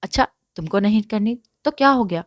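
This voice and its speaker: A playful young man courting with soft coaxing words, as a woman reads him, lifted a little in pitch, in a dry close room with no echo around the voice, and delivered in an easy storybook reading. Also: animated, close to an everyday voice. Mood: teasing. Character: young man, confident and teasing suitor.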